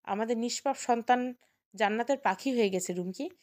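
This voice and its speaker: A woman's voice: a little high, fairly quick, natural voice. A woman voicing a grieving young husband who tearfully consoles his wife.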